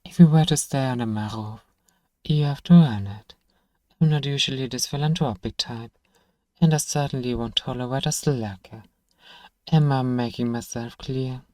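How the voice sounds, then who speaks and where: A man plays a grudging, stern apothecary for a fantasy ASMR piece, his medium-pitched voice dark and mellow and close to an everyday sound. Sardonic but kind underneath, he sighs, teases drily and murmurs to a single listener. The audio sits right up close, with no room sound at all.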